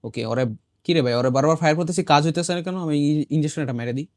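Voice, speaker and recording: A man, hoarse from a cold, chatting casually to viewers while he plays and throws in English exclamations. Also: on the high side, quick pace, a little mellow, no room sound, clean studio sound. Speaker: gaming channel host. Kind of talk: casual gameplay commentary.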